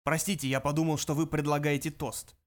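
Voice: mid-range voice, flat delivery, brisk, natural voice. An audiobook reader voicing Ford, an easygoing male traveller who sounds eager and a bit apologetic.

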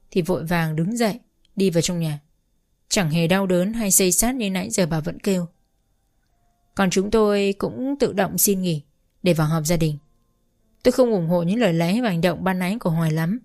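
A woman narrating a first-person family drama story in a steady, measured reading. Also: lowish voice.

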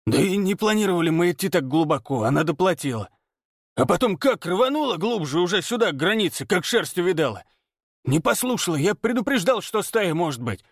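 A man voicing a gruff grown mercenary who barks defensive answers. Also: high-pitched, big pitch swings, a little fast, no echo, studio quality, voice pushed up, full character voice. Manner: defensive, barking.

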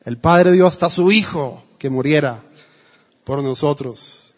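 A man's voice: a little high, unhurried. A male pastor preaching a sermon in a church, telling a story and acting out the quotes. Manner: storytelling with acted quotes, emphatic. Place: church hall. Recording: dull, echoey church recording.

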